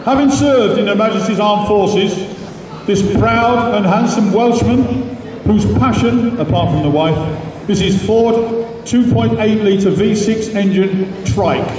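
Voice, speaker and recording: Man, master of ceremonies, live introductions, raised pitch, far from microphone, long hall reverb. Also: slow, a little mellow. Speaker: competition announcer. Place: large indoor hall. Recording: echoey hall from far off, crowd behind.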